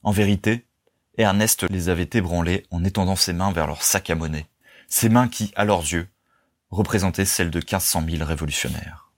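A man reading a novel aloud as narrator, in a measured, even storytelling manner. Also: sits low. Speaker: audiobook narrator. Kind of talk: scripted narration.

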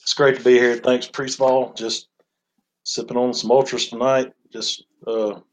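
A man's voice: mid-range voice, little pitch movement, measured pace. A man joining a casual sports podcast as a guest, laid-back and self-mocking.

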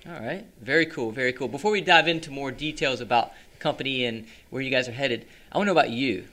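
A man hosts a podcast and interviews his guest casually. His voice is bright and forward, and he keeps his questions short and upbeat. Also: medium pitch, fast talker. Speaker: podcast host.

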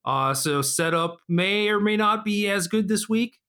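A man with a somewhat high, very bright and forward voice hosts a podcast. He talks in a casual, conversational style. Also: expressive, a little slow. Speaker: podcast host.

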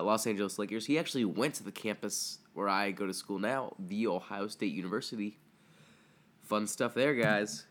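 A man's voice: fairly low pitch, a bit bright. Stuffy young man hosting a podcast. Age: young adult. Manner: loose, rambling, frequent ums and uhs. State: stuffy from a cold. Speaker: podcast host. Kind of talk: casual solo podcast chat.

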